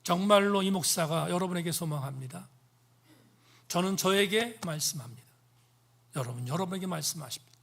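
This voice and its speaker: High-voiced pastor preaching with passion. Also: male voice, lively intonation, fairly quick, gravelly, long pauses. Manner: impassioned, swinging from hushed whispers to loud emphatic peaks. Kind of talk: sermon.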